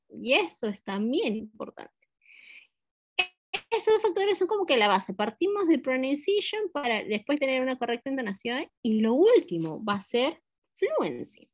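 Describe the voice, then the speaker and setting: A woman's voice: on the high side, sharp tone, dry recording. A woman who teaches English, explaining a lesson to fellow teachers step by step, often ending points with tag questions and mixing in English teaching terms. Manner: mixes English teaching terms into her speech. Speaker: English teacher giving a training session.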